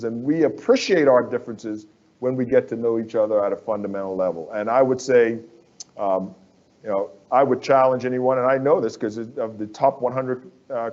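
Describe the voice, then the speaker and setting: Earnest guy from the bahamas, mid-pitch, repeats himself to make a point, dull lo-fi audio. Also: a little mellow. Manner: earnest, persuasive, repeats phrases for emphasis. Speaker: construction firm executive. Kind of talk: interview guest.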